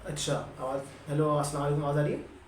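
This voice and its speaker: A man's voice: on the high side, completely flat delivery, quick pace. A man moderating an online discussion, speaking hesitantly with fillers, his audio choppy and cutting out over a video call. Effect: choppy, cutting-out internet call audio. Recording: distant echoey call with loud noise and clicks.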